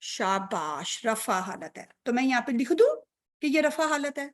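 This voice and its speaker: A woman's voice: a little high, very animated. A woman teaching an online grammar class, patient, often checking if students follow, mixing English terms into her speech.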